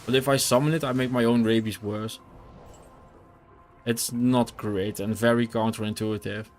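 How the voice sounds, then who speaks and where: A man's voice: medium pitch, steady tone, moderate pace, faint music behind. A young Dutch man with a Dutch accent, chatting casually while streaming a game, rambling with fillers and restarts. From Netherlands. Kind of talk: casual gameplay chat.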